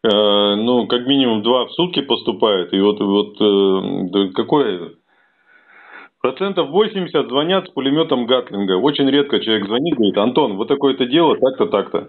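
A man's voice: mid-range voice, expressive, normal speed. A man chatting casually as host of a phone call, blunt and repeating words for emphasis. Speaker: host taking phone calls. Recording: band-limited, tinny phone call sound.

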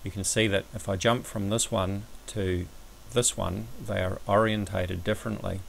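A man giving a measured, somewhat hesitant step-by-step explanatory commentary over a screen recording, as an amateur astronomy presenter. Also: lowish voice, fairly even intonation, creaky, slight background noise, poor audio.

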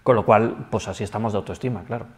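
A man, a coach and trainer chatting on a panel talk show, explaining with quick asides. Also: on the low side, fairly even intonation.

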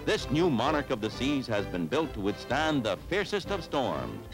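A man's voice: medium pitch, huge pitch swings, moderate pace, poor audio. A man in an old newsreel style, announcing each item with emphatic mock-serious delivery. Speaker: newsreel narrator. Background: music.

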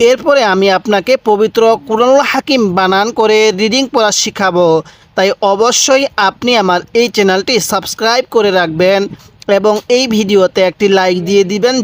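A man teaching beginners to read Quranic letters, going slowly, repeating each letter and asking listeners to say it after him. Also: high voice. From Bangladesh. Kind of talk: step-by-step letter lesson.

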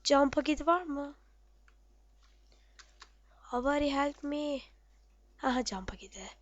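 A woman giving casual, excitable commentary on her own gameplay, muttering to herself and shouting at enemies. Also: high-pitched, measured pace, no room sound, highs cut off.

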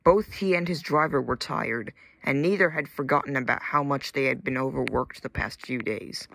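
A man narrating a comic toy-train story in a deadpan, wry manner. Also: medium pitch, normal speed, creaky, a little hiss or hum, rough recording. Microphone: phone.

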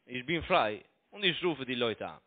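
Amid crowd noise, a man with a mid-range, animated voice and a moderate pace argues on the phone. He comes from outside Germany, has a foreign accent and isn't a native German speaker. He speaks into a telephone over a tinny narrowband line, repeating himself defensively in broken grammar.

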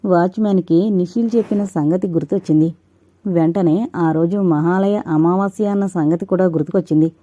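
A woman narrating a novel in a steady storytelling voice. Her tone is low and deeply mellow, and the close mic leaves it dry with no room sound. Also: moderate pace, no echo. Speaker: audiobook narrator.

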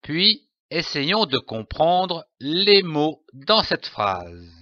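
A man giving a reading lesson, spelling out letters and sounding out each syllable clearly. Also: a little high, very animated, drawn-out words, pushed and bright, dry recording, highs cut off. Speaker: reading teacher.

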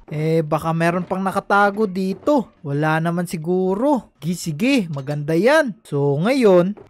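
Woman doing a chubby happy schoolboy in a minecraft roleplay, high-ish and bouncy, dry close sound. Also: no echo. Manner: playful, chatty, often laughing. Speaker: host voicing her Minecraft character. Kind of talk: Minecraft role-play narration.

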